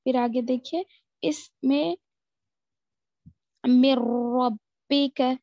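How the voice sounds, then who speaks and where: A woman teaching a tajweed lesson, explaining rules quickly and then drawing out recited Arabic examples very slowly. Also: fairly high pitch, no room sound. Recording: dry, dull lo-fi audio.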